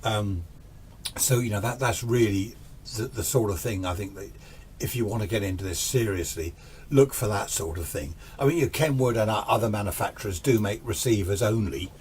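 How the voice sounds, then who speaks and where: Slight background noise accompanies this brisk, lowish, somewhat dark voice of a man in his sixties. He's an amateur radio hobbyist presenting an unscripted, casual explainer, wandering along and quizzing himself with small questions.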